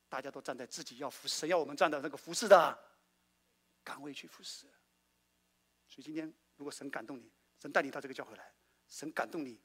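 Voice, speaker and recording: A male pastor preaching a sermon, asking his congregation questions and swinging between loud exclamations and quiet asides. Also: fairly high pitch, slightly rough. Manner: call-and-response preaching, asks the congregation questions.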